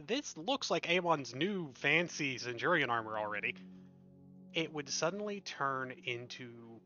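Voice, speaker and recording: Guy running a tabletop game, bright voice, kinda muffled audio with some music. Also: fairly high pitch. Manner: descriptive, matter-of-fact narration. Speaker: game master. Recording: slightly muffled stream audio. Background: faint music.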